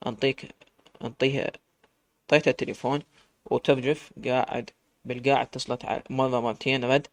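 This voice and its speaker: A man's voice: mid-range voice, level tone, dry recording. A man with an Iraqi Arabic accent narrating a dramatic story in the first person, emotional in his telling. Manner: emotional, fast-paced telling.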